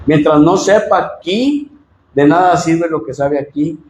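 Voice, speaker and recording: A Mexican pastor preaching a sermon, swinging from loud emphatic lines to low asides. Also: male voice, a little slow, echoey room, slight background noise, rough recording.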